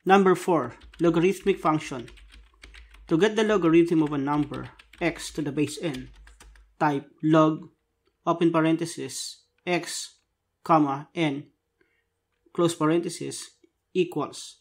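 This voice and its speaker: Guy w slightly high voice doing a software tutorial, dictating each key and symbol bit by bit. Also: measured pace, long pauses. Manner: dictating step by step, spelling out keys and symbols in short separate phrases. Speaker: tutorial narrator. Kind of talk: scripted instructional narration.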